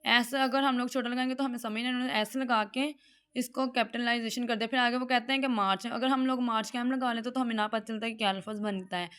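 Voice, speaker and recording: A woman teaching an online class, explaining step by step and reading English sentences slowly before translating them. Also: on the high side, steady tone, a bit bright, clean tone.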